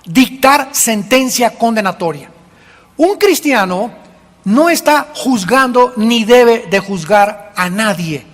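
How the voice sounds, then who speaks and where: A male pastor preaching a sermon in an animated way, acting out the church members he quotes. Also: very high-pitched. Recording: long hall reverb.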